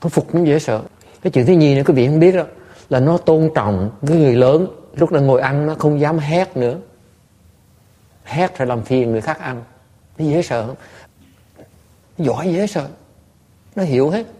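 A man, a Buddhist monk teacher, telling stories to listeners in an animated, laughing way with many stammered repeats. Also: fairly high pitch, moderate pace, pauses often. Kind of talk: storytelling talk to listeners.

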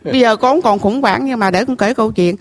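At a temple gathering, a middle-aged Southern Vietnamese woman tells her own story in an emotional testimony. Her voice leans high, and she speaks earnestly and haltingly, repeating herself and turning again and again to address the master.

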